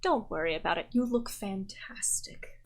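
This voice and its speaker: A woman's voice: mid-range voice, very animated, moderate pace, a little mellow. A woman putting on a suave, teasing nobleman. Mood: reassuring. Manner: dry, arch and flirtatious. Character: suave, teasing noble man, lady's husband.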